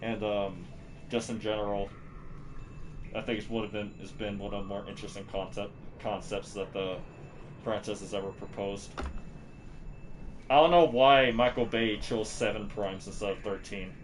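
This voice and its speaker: A man with a fairly low voice chats casually as he streams a game. There is faint noise behind him. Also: fairly even intonation, moderate pace, pauses often. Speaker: livestreamer. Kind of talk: casual gaming livestream chat.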